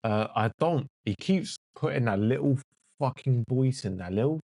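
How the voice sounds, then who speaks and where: A man's voice: mid-range voice, expressive, moderate pace, mellow, no room sound, clean studio sound. A man reviewing music as a reaction host, blunt and full of swearing and exasperated outbursts. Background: faint music playing.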